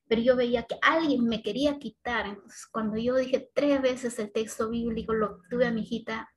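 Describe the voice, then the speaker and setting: Higher-voiced woman sharing a heartfelt testimony. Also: poor audio. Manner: heartfelt and halting, with frequent restarts and a tag question. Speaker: mother giving a faith testimony. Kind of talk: personal faith testimony told conversationally.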